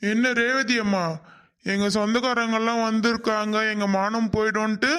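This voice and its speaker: A man voicing a hot-tempered older brother who confronts people loudly. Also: high-pitched, little pitch movement, normal speed, clean tone. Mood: angry. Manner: confrontational, raised voice. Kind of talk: cartoon voice acting.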